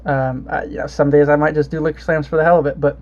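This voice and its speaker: A young Florida vlogger chats casually at home, his slightly raised voice fast, a little mellow, and flat in pitch movement. He rambles and swears freely, restarting sentences and filling gaps with "uh" and "you know." The audio sounds muffled and lo-fi.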